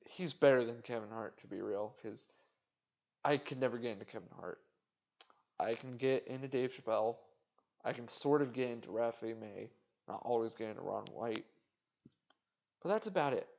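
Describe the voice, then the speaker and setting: A man hosting a podcast, rambling casually in a flat, indifferent way, swearing and making fun of himself. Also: medium pitch, normal speed, vocal fry, pauses often. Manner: casual, swearing, self-mocking. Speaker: podcast host. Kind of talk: rambling solo monologue. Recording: dull lo-fi sound.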